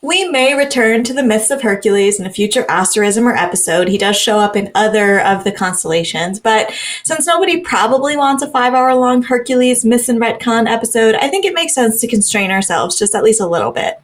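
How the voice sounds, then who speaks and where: A woman's voice: on the high side, fairly quick. Young adult woman, podcast co-host, casual chat, chatty, laughs often, many ums and likes.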